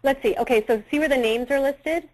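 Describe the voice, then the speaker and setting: A woman on a conference call patiently talking a colleague through the software, step by step. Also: high-pitched, fairly quick, low-quality recording. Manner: patient, guiding. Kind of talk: casual step-by-step tech help. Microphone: conference call phone line.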